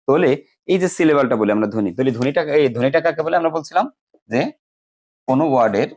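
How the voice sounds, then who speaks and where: A man with a Bangladeshi accent and a slightly high, somewhat mellow voice teaches students an English grammar lesson in an animated way. He explains step by step and slowly repeats key words.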